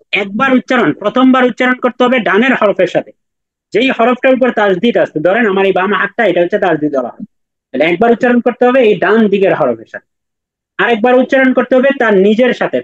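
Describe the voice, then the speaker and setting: A man's voice: high voice, animated, quick pace, dry recording, highs cut off. A man teaching Quran recitation in an online class, patiently repeating and drilling letter sounds with his students.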